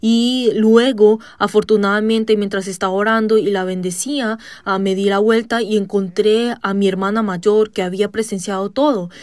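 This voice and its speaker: A woman giving a church testimony in a measured storytelling manner, pausing on "ah" fillers and breaking into loud shouted commands. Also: medium pitch, steady tone, no room sound. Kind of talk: spoken testimony sermon.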